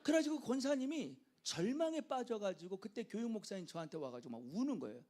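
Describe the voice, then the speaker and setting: Lively high-voiced male pastor lecturing. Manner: emphatic, quizzes the audience with questions. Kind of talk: church training lecture.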